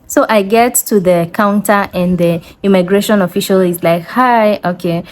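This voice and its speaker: A woman's voice: medium pitch, fairly even intonation, normal speed. A woman with a Kenyan accent telling a story casually as a travel vlogger, chatty and emphatic, repeating words to make her point. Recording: clear background noise.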